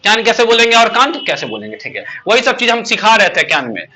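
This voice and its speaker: A male teacher leads a classroom lesson. His voice sits high and sounds sharply bright. He drills the class, firing questions and answering them himself. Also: big pitch swings, fast. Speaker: English teacher.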